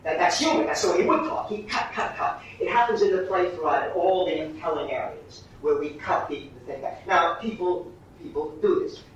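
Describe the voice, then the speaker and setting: A man coaching actors through a master class, halting and repeating words as he explains. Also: high voice. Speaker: acting teacher. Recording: distant echoey room, muffled, faint hiss.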